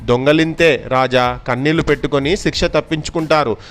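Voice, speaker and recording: A man voicing a scheming male merchant who loudly accuses his friend, in a raised, insistent voice. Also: a little high, steady tone, a little fast, lightly acted. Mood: accusing.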